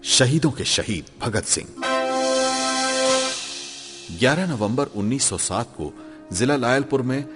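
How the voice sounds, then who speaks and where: A man's voice: medium pitch, animated, moderate pace. A man with an Indian accent delivering dramatic scripted biographical narration. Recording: reverberant hall sound, faint music.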